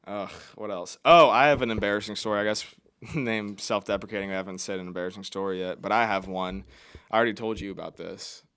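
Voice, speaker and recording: Young man, podcast host, casual chat, bright edge, lowish voice, giggly storyteller. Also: quick pace, clean tone. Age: 20s. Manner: laughs often while telling stories.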